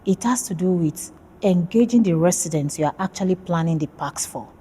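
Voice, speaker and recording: Speaking briskly and animatedly in a fairly low, mellow voice, a PhD student from Nigeria chats about her research in a relaxed interview. She comes across as friendly yet hesitant, using many fillers, and there is a little hiss or hum.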